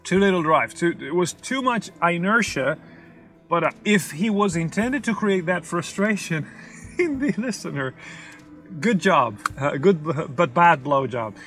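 A young man, a non-native English speaker, giving casual, expressive music commentary to camera and haltingly searching for words as he translates his thoughts. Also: fairly high pitch. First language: not English. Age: young adult. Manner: expressive, sings out rhythms in syllables. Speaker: music reaction vlogger. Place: inside a parked car in daylight.

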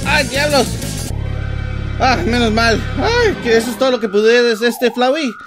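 A young man with a Mexican accent giving excitable let's play commentary, yelping, groaning and talking to viewers. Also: very high voice, unhurried. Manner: excitable, yelps and groans often, talks to viewers. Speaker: gaming channel host. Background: loud game music.

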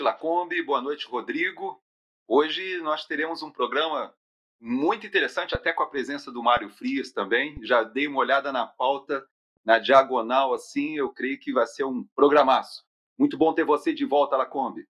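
A man's voice: medium pitch, moderate pace, fairly bright tone. A man joining a talk show as a guest commentator, formal and courteous.

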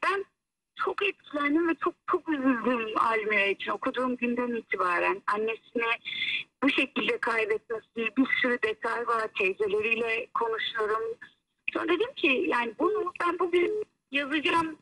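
Woman on a speakerphone line, high and bright. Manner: earnest, halting, with many fillers. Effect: heard over the phone on a loudspeaker. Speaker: guest calling in. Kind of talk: live phone interview. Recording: distant phone audio through a speaker.

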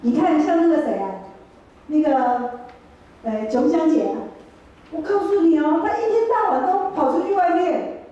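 A middle-aged woman church speaker gives a chatty sermon in a church hall, asking the room questions as she goes, in a Taiwanese Mandarin accent mixed with Taiwanese Hokkien phrases. Her very high, warm voice has lively intonation, moderate pace, and long pauses. The lo-fi recording is echoey, with the mic far off.

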